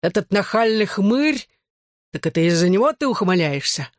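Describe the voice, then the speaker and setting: A woman's voice: medium pitch, very animated, normal speed, no echo, studio quality, lightly acted. A woman voicing a drunk, violent middle-aged father who snarls and slurs his words. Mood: drunk, furious. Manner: slurred, snarling, barking.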